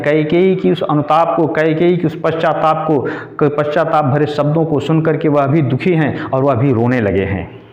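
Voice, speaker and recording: A man teaching a poetry lesson, reading verse lines slowly and then explaining each one in plain words. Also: fairly high pitch, a little mellow. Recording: echoey lo-fi room recording.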